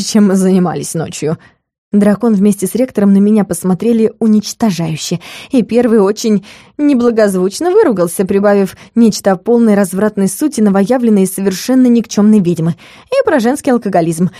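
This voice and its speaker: A woman narrates a first-person novel aloud, ironic and lively. Her voice is warm and mellow, recorded close and dry. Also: mid-range voice, fairly quick, no echo. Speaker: audiobook narrator.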